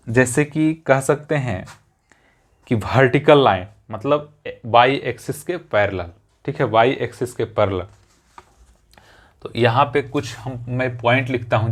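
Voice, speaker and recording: Slow, patient male math teacher. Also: medium pitch. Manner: explains step by step, repeats phrases, often checks with "theek hai". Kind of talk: classroom math lecture.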